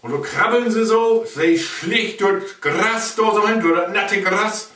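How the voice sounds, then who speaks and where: A man's voice: sits high, a little slow, sharp tone. A man with an East Frisian accent telling a playful comic story, chuckling as he goes. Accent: East Frisian German. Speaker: comedian. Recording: echoey room, mic at a distance.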